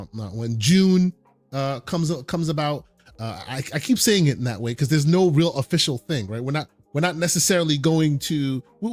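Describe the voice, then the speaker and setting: A man hosting a casual podcast, speaking haltingly and often repeating words several times as he goes. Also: medium pitch. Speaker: podcast host. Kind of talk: casual podcast sign-off chat.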